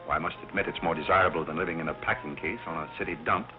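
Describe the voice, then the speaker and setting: An actor playing a courteous, unflappable butler trading dry, deadpan screwball banter in a 1930s film comedy style. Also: male voice, low voice, rapid-fire, close to an everyday voice. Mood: dry, polite. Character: courteous, unflappable, dryly witty new butler. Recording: muffled old film soundtrack, faint music.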